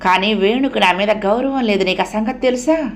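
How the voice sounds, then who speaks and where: A woman voicing a troubled young wife who is tearful, defiant and quick to burst out in anger, read in an audiobook novel. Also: mid-range voice, close to an everyday voice. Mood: bitter, intense. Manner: emotional, bursts out angrily.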